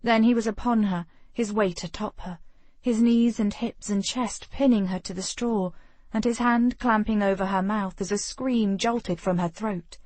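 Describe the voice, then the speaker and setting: A woman narrating a historical romance audiobook in a measured, steady storytelling voice. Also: mid-range voice, no echo.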